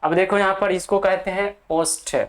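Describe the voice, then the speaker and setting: A teacher with a mid-range voice and fairly even intonation dictates grammar notes to students preparing for exams. It's a slow, deliberate delivery that repeats key terms and often pauses to check in with the class.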